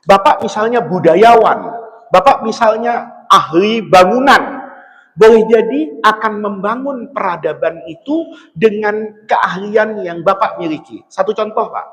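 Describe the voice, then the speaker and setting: Animated male preacher in an echoing hall. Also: high-pitched. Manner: storytelling, animated, acts out dialogue in his telling. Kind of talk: dawn mosque sermon with a told story. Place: large mosque hall. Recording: long mosque hall reverb.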